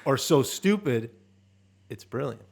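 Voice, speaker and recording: A man with a mid-range voice co-hosting a casual podcast chat. He is playful and quick with a joke. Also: medium pitch, animated, vocal fry. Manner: playful, jokey. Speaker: podcast co-host.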